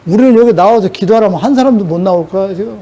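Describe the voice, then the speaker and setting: A man's voice: high voice, rapid-fire, mellow, highs cut off. An older man preaching a sermon in a scolding way, throwing rhetorical questions at his audience.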